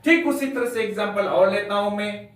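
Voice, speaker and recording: A man's voice: high voice, moderate pace. A man teaching English grammar, spelling words out letter by letter and calling his students dear children. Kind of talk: classroom lesson. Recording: very echoey room, mic far off.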